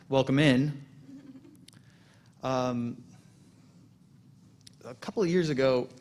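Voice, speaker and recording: A man, the president of a congregation, giving a relaxed welcome speech with self-deprecating jokes and frequent restarts. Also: mid-range voice, slight background noise. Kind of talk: welcome speech at a holiday service. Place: synagogue sanctuary.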